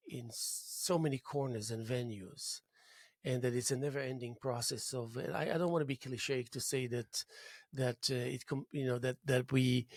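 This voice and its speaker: A man hosting a local talk show, warm in his words but halting, with many restarts. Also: medium pitch, creaky, no echo, studio quality. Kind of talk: interview.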